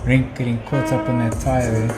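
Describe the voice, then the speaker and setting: A man's voice: medium pitch, flat delivery, fairly quick, echoey room, over loud music. A man co-commentating a motorbike race in a laid-back, bantering way.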